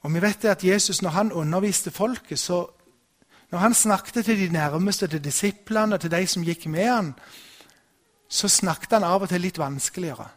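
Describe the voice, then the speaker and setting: A middle-aged man preaching a sermon, telling a personal story in a relaxed, conversational way with frequent restarts. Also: sits high. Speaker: pastor.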